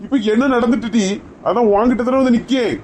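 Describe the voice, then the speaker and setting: A man's voice: very high-pitched, quick pace, darkish tone, a little hiss or hum. A man with a Kanyakumari Tamil accent playing a quarrelsome husband in a comic skit, scolding and arguing. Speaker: comedy skit actor.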